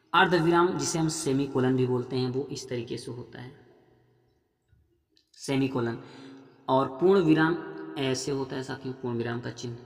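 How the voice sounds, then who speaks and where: A man's voice: medium pitch, reverberant, big-room sound. A man teaching Hindi grammar for a police exam, patient and repetitive, with a regional Jharkhand accent. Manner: patient, addresses viewers as friends, repeats "theek hai". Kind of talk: explaining grammar practice questions.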